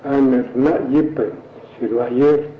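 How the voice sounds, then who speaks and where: A man giving halting, hesitant answers as a language informant in an elicitation interview. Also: mid-range voice, fairly even intonation. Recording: echoey, dull old field recording with faint hiss.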